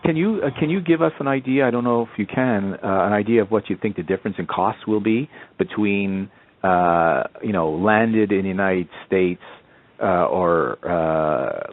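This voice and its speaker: Through a muffled phone line, a deep-voiced man poses questions as an analyst on a conference call, hesitating and circling back to rephrase.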